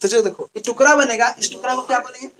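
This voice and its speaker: A young male teacher with a Bihari Hindi accent, teaching a live online class. He asks a question and answers it himself, and he repeats key terms slowly. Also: extremely high pitch, fairly bright tone. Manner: call-and-response questioning, drawn-out repetition.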